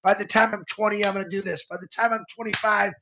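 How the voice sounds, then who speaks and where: Over a lo-fi recording with a noisy background, a fifty-something live-show co-host talks quickly in a high, steady voice. His casual stream chatter is sincere and meandering, and he often starts sentences over.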